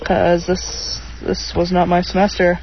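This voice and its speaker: A woman's voice: fairly low pitch, monotone, unhurried. A late-teen woman chatting with friends, wry and joking. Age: late teens. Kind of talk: casual group chat. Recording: dull lo-fi recording with faint noise.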